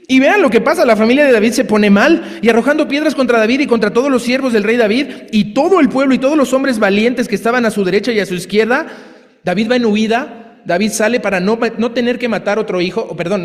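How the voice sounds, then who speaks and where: High-voiced preacher in a reverberant hall. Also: male voice. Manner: lively, conversational preaching with asides and acted quotes. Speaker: pastor. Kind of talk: sermon.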